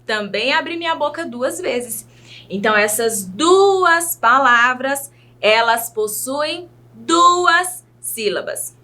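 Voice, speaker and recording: A Brazilian woman teaches a children's lesson in a high, lively voice, speaking very slowly and patiently. She enunciates words in an exaggerated way and asks her young learners questions.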